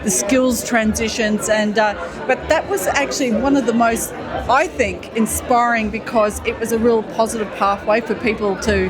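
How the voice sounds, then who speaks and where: A woman speaking as a government minister at an event, upbeat with frequent hesitant pauses. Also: a little high, steady tone. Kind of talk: event interview. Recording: event with music and crowd chatter.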